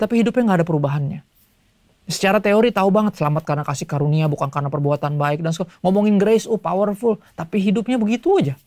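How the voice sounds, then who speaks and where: A male pastor giving a casual sermon to young people, telling stories in relaxed everyday slang. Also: sits high, dry recording, clean studio sound. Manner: chatty storytelling in everyday slang; acts out voices in quotes.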